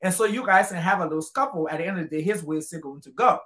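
A woman's voice: fairly low pitch, racing. Emphatic woman from Liberia, in a roomy space. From Liberia, West Africa. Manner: animated, emphatic, repeats phrases for emphasis. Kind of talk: casual conversational discussion. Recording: roomy echo.

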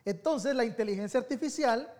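A man giving a sermon as pastor, telling personal stories in an animated, conversational way that swings between soft and loud. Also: very high-pitched, brisk.

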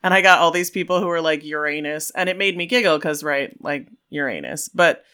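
A man co-hosting a podcast, teasing his friends with wry deadpan asides in casual banter. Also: high-pitched, fast, clean tone. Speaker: podcast co-host.

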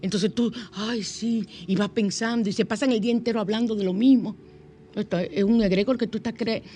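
A middle-aged woman hosting a spiritual self-help radio talk, speaking emphatically and repeating her key phrases. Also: mid-range voice. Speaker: radio host.

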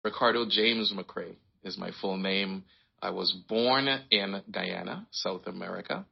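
A man raised in Trinidad and Tobago, telling his life story in a relaxed, rambling way as an interview guest. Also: sits low, a little slow, vocal fry, slightly rough, highs cut off. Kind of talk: casual conversation.

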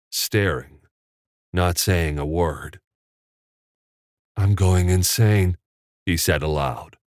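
A man narrating an audiobook in a measured, steady storytelling manner on a close studio mic. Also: low voice, no echo.

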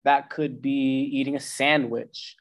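A man's voice: medium pitch, little pitch movement, slow pace. A man giving casual advice on meal timing and food as a coach, talking loosely with slang and filler words. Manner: loose and conversational, slangy, acts out the brain in goofy voices. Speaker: nutrition coach. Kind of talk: casual instructional talk.

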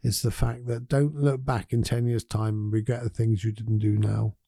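A man hosting a podcast, talking in an earnest, gentle and encouraging way about life's small moments. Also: on the low side, flat delivery, normal speed, vocal fry, no echo, studio quality. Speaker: podcast host. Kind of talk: reflective motivational podcast talk.

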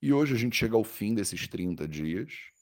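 Very deep-voiced Brazilian man guiding meditation. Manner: calm, soothing, unhurried instruction with pauses. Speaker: meditation teacher. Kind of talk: guided meditation.

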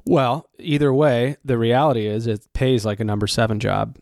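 A man's voice: medium pitch, steady tone, moderate pace, vocal fry, a little mellow, no room sound, studio quality. A man co-hosting a casual sports podcast, rambling through coaching stats with lots of ums and restarts. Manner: rambling, stacks up stats with many fillers. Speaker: podcast co-host.

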